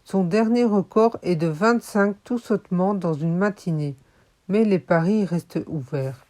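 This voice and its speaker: A woman narrating a children's audiobook in a calm, measured storytelling voice. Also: fairly low pitch. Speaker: audiobook reader.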